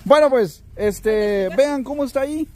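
A man with a very high-pitched voice and a Guatemalan Spanish accent speaks at a measured pace. He's a vlogger and taco seller, chatting casually and joking around with his family and viewers.

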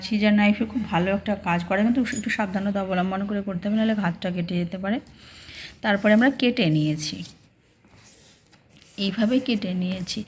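A woman talks through a simple craft in an easy, unhurried way, pausing on fillers as she explains each step. Her pitch sits in an ordinary middle range. A faint hiss of background noise runs under her voice. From Bengal. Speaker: anganwadi preschool worker. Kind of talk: casual craft tutorial.

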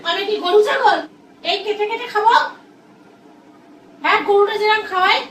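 A woman's voice: very high voice, fairly even intonation, normal speed, background noise. A woman in a comic domestic skit, scolding and nagging with laughs breaking in. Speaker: comedy vlogger. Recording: echoey room from far off.

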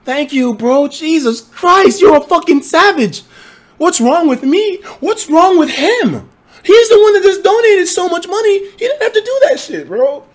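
A young man hosting a livestream, loud and excitable, shouting and swearing as he reacts, his voice hoarse. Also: extremely high pitch, measured pace. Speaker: livestream host.

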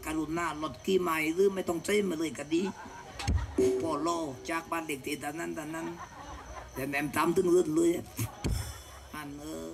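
A man with a Southern Thai accent, performing a comic shadow-puppet play in rough, joking banter. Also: on the high side, fairly even intonation, moderate pace, pauses often, low-quality recording. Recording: loud folk music behind.

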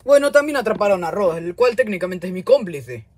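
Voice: medium pitch, lively intonation, a little fast, a little mellow, natural voice. A performer voicing a sheepish pig king who rambles through excuses.

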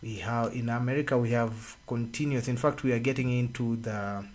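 A man, co-hosting a radio discussion and explaining at an unhurried pace with pauses and fillers, speaking into a studio microphone. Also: medium pitch, fairly even intonation, a little mellow, a little hiss or hum. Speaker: radio co-host. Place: radio studio with red walls. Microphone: studio boom mic.

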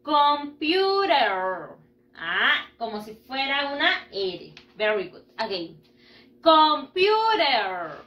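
A woman teaching English to schoolchildren, going slowly through repeat-after-me drills and mixing English and Spanish with frequent praise. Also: mid-range voice, animated, pushed and bright. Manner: slow, drawn-out drilling with repeat-after-me prompts; switches between English and Spanish, praising often. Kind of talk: bilingual classroom teaching video. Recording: echoey room, mic at a distance.

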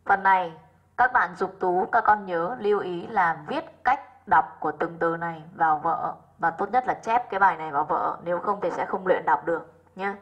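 A woman's voice: fairly low pitch, moderate pace, slightly rough, muffled recording. A woman English teacher going over exercise answers with her pupils, often checking in with rhetorical questions.

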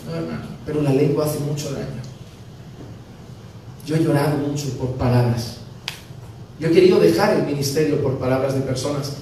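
Man, pastor, animated sermon, booming echo, faint hiss behind. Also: moderate pace, pauses often. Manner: animated, acting out dialogues with humor. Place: church sanctuary. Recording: very echoey church from a distance, faint noise.

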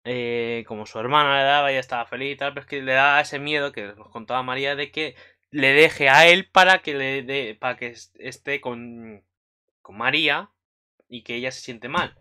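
A man's voice: mid-range voice, normal speed, clear, resonant tone. Rambling guy recapping anime. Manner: rambling, filler-heavy, excitable. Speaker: anime commentary vlogger. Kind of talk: casual episode recap.

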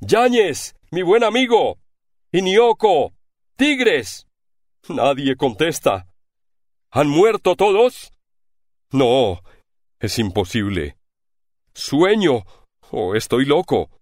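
A man's voice: mid-range voice, expressive, unhurried, dry recording, clean studio sound, natural voice. A man voicing a proud, fierce pirate prince held captive in chains, crying out in desperation. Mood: anguished. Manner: desperate outcries.

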